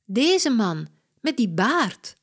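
A woman voicing a curious little girl who keeps asking questions, read slowly from a storybook. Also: sing-song, heavily acted. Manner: eager, questioning, high-pitched. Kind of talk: slow storybook reading.

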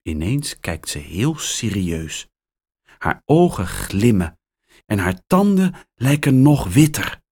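A man narrating a children's story at a very slow, careful pace. His voice sits somewhat low. It rises and falls expressively from line to line. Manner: very slow, clearly articulated, expressive.

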